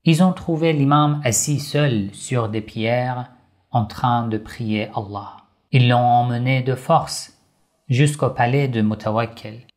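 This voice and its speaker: A man slowly narrating a religious story for children, addressing young listeners gently and deliberately. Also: medium pitch.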